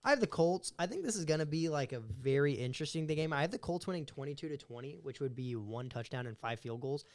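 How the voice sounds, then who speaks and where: A man's voice: on the high side, expressive, fast talker, a little mellow. A young man co-hosting a casual sports podcast, making confident game picks on gut feeling. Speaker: podcast co-host.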